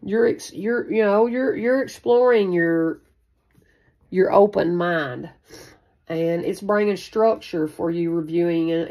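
A woman with a lowish, slightly mellow voice hosts a spiritual channel, giving an improvised tarot reading at a card table in a small indoor room. Her style is casual, rambling, repetitive, and folksy, with the occasional swear word.

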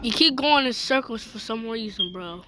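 High, lively woman commenting on gameplay. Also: normal speed, background noise. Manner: excitable, loud, bursts of shouting. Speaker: channel host.

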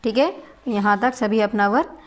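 A woman schoolteacher giving a grammar lesson, slowly dictating Hindi sentences and their translations. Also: medium pitch, faint music behind. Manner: slow, dictating word by word; mixes Hindi and English, repeats "ठीक है". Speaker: school English teacher. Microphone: recorded lesson video.

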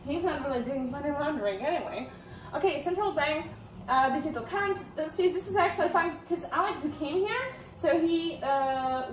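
A young woman with a high voice gives a casual presentation at a meetup, chatting away with lots of fillers and frequent laughter. She's captured by a distant camera with no visible mic in a large indoor room with a projector screen, so the audio is echoey and carries background noise.

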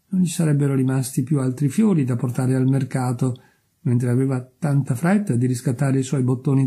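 A man reading a fairy tale aloud in a calm, measured narrating voice. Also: mid-range voice, slightly rough. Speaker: reader. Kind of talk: storybook reading.

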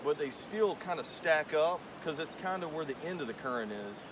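Casting from the riverbank, the young fishing channel host chats and explains his technique in a fairly high, lively voice. A distant tripod camera captures him outdoors, along with background noise from the rushing river.

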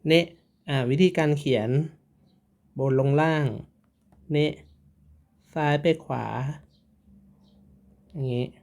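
A man's voice: a little high, steady tone, slow, long pauses, a little mellow. A man teaching a writing lesson, patiently repeating each syllable and stroke order. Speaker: Japanese teacher. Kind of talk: slow step-by-step writing lesson.

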